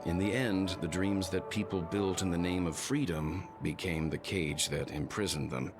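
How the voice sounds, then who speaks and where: A man voicing a very deep, smooth schemer. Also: fairly even intonation, normal speed, natural voice. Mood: smooth, probing. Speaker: game character voice. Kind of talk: game cutscene dialogue. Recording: game audio under a score. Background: game music.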